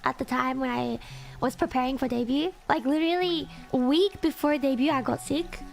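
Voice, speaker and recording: High-pitched, cute girlish woman streamer. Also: moderate pace, creaky, slight background noise. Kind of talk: casual livestream chat. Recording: music playing behind the voice.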